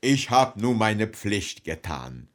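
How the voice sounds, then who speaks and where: A man's voice: on the low side, sing-song, takes it slowly, over a noisy crowd. A man playing a modest, dutiful ship captain, repeating himself formally in a stylized drama. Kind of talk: repetitive stylized dramatic performance.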